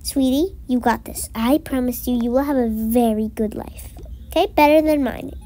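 A woman voicing a gentle mother in a storybook game, speaking in a soothing, reassuring way. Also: a little high, normal speed, natural voice. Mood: tender. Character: gentle caring mother sending daughter off.

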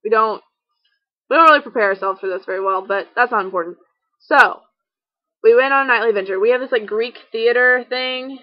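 A woman's voice: fairly high pitch, a little fast, no echo. Young woman, college student, rambling giggly storyteller, casual vlog, dry close sound, dull lo-fi webcam. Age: young adult. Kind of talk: casual chat to camera.

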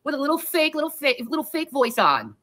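This woman's high voice swings widely in pitch, a bit fast and a bit bright. She's a livestreamer in a played clip, ranting with heat and profanity and confronting her critics head-on.

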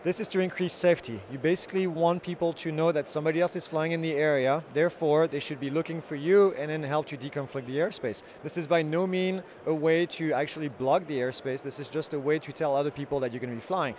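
A man's voice: on the high side, steady tone, fast talker, few pauses, a little mellow, slight background noise. A man in his thirties hosting drone news, reporting from a large convention hall into a handheld mic. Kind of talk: trade show report.

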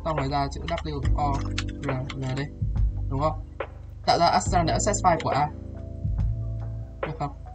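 A man's voice: a little high, moderate pace, pauses often, rough recording. A man tutoring a student through programming exercises, thinking aloud as he types and often checking whether the student follows. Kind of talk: casual one-on-one coding tutorial. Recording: music playing behind.

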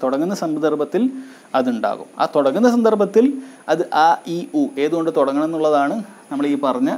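A man teaching a recorded grammar lesson, explaining step by step and repeating key words slowly. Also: mid-range voice, mellow.

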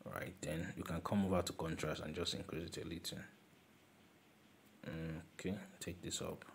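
Speaking at normal speed in a low, gravelly voice that barely moves in pitch, a design tutor leads a screen-recorded walkthrough of a phone design app. He repeats steps instructively and calls objects "this guy," over slight background noise.

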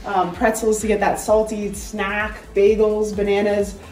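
A woman's voice: medium pitch, little pitch movement, measured pace, darkish tone, far from the mic, faint music behind. A woman in her twenties giving a cheerful, chatty walking tour of a ski truck and apartment, filmed on a handheld phone. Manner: upbeat, chatty, enthusiastic. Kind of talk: casual tour vlog. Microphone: handheld phone camera.

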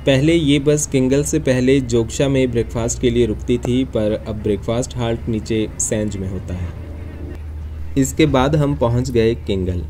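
A man narrating a bus journey for his travel vlog, calm and informative. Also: mid-range voice, normal speed, slight background noise. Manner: informative, matter-of-fact. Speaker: travel vlogger.

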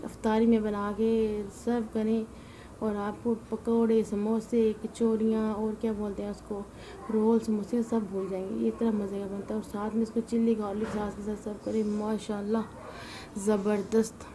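A woman's voice: medium pitch, little pitch movement, moderate pace, noisy background. Tired woman cooking voice-over. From Punjab, Pakistan. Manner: chatty and homely, sprinkles devotional exclamations. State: tired and weary from fasting. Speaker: cooking channel host. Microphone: voice-over mic, not in the pictured kitchen.

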